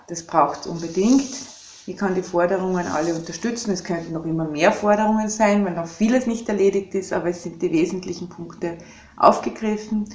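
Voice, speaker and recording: A woman in her fifties with an Austrian German accent talks through her ideas slowly and reflectively. Her voice sits in a middle register. The recording carries a noticeable room echo. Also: medium pitch. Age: 50s. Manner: reflective, measured, thinks aloud. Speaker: podcast guest, activist. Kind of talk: podcast conversation.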